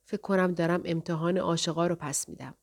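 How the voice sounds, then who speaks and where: A woman voicing a calm, dignified male scholar who speaks softly, measured and courteous. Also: on the low side.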